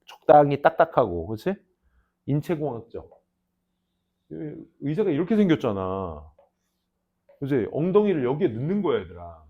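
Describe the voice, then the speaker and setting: A young adult man teaching an English class, lecturing students in a casual, teasing way with lively asides. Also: medium pitch, normal speed, long pauses. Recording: dull lo-fi lecture recording.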